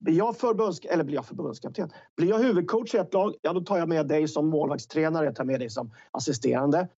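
A man with a fairly high, gravelly voice talks through his opinions in an unscripted sports discussion. He is discursive and drops in tag questions. The sound is dry and slightly dull. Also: warm tone, no echo. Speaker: studio commentator.

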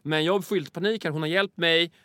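A man's voice: a little high, dry recording, clean studio sound. A man casually telling a funny anecdote, acting out the people in it and laughing often. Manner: animated, acts out quoted voices, laughs often. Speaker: storyteller.

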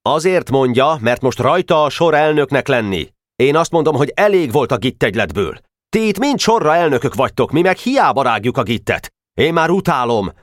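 A man's voice: medium pitch, big pitch swings, dry recording, studio quality, pitched above the performer's own voice, lightly acted. A man voicing a fed-up schoolboy who complains and accuses the others. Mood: grumbling. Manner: complaining, suspicious.

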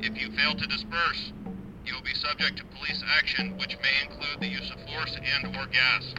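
A male police officer blares a formal order through a loudspeaker. His delivery is official and very even, with little movement in pitch. The amplified voice carries outdoors over clearly audible background sound. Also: moderate pace, background noise. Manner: official, flat, blaring amplified announcement. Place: outdoors on a roadway.

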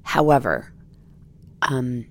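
A woman's voice: very deep voice, very animated, slow pace. A woman comedian from the United States, a guest in a casual interview chat, who rambles with many fillers and restarts.

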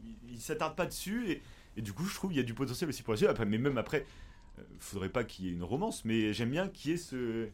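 A man co-hosting a casual podcast chat, animated and quick to laugh, recorded in a mountain refuge. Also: mid-range voice. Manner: animated, chatty, laughs easily. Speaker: podcast co-host.

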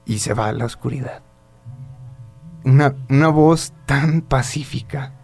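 A man's voice: mid-range voice, a little slow, gravelly, a little mellow, soft background music. A man with a Mexican accent, co-hosting a podcast, telling a spiritual story in casual talk full of restarts and fillers. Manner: rambling with many restarts and fillers. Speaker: podcast co-host.

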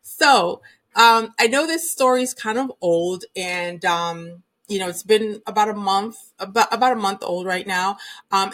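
Woman doing her own podcast, chatty, lots of ums and you knows, middle-pitched voice. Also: a bit bright. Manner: chatty, uses many fillers like um and you know. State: recovering from a cold and sinus infection. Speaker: podcast host. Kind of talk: casual solo podcast talk.

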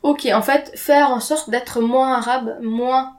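Taking it slowly in a high voice with fairly even intonation, a young Arabic-speaking woman gives a candid personal account on a podcast. Her talk is informal and slangy, sprinkled with occasional English words.

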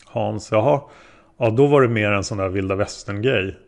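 A man reading the lines of a hesitant male taxi driver being questioned as a witness, in a plain, halting way. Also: fairly low pitch, creaky. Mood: unsure. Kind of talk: read-aloud interrogation transcript.

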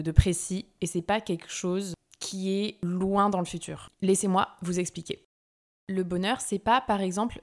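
A young woman talks through her podcast in a loose, chatty way, full of fillers and quick self-corrections. Her voice sits a little low for a woman. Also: a little mellow. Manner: chatty, informal, many fillers and restarts. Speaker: podcast host. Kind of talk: casual self-help podcast monologue.

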